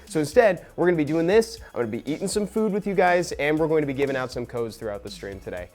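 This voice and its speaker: A man's voice: on the high side, fast talker, soft background music. Upbeat young man hosting a game stream. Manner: upbeat, excitable, talks with mouth full. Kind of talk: casual live-stream chat while eating.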